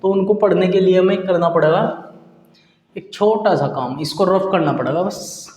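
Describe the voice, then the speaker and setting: A man's voice: high voice, normal speed, darkish tone, roomy sound, in a large hall. A man teaching a maths lesson. He asks questions and answers them himself, and he repeats key terms as he counts out numbers. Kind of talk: classroom lesson at a board.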